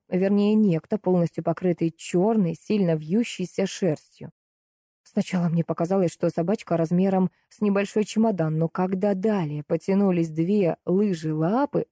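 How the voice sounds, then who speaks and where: A woman narrating a comic first-person audiobook with a lively, expressive reading. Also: on the low side, dry recording, studio quality.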